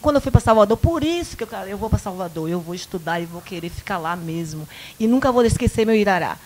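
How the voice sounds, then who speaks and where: A woman in her fifties from the Bahia countryside, with a Bahian Brazilian Portuguese accent, is a guest and event producer in a small local studio interview. Speaking into a handheld mic in a mid-range voice at a quick pace, she tells lively personal stories, acting out quoted dialogue and often saying "né?", with slight background noise.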